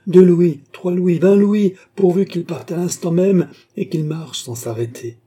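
Man doing a flustered noble lady, voice pushed way up, husky underneath. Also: a little high, expressive, measured pace, dark tone, voice pushed up. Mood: anxious. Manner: urgent, flustered. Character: anxious noble older lady, impatient.

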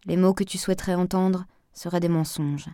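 Brief: female narrator doing a guarded divorced man, low and hushed, tired and restrained, dry sound. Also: steady tone, fairly quick, dry recording, close to an everyday voice. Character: reserved divorced man avoiding commitment.

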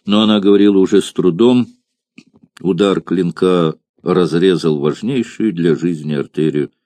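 Male audiobook narrator, dramatic reading, low voice, dry close sound. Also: moderate pace, mellow, dry recording.

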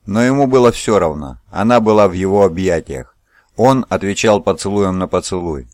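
A man with a rather low voice reads a novel aloud in a steady, measured storytelling manner. The recording is close and dry, with no echo. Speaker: narrator. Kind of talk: audiobook narration.

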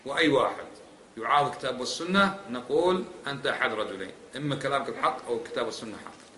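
Forceful man lecturing. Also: medium pitch, very fast, a little hiss or hum. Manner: forceful, rhetorical questions, emphatic. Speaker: religious teacher. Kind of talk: lecture on creed. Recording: echoey hall.

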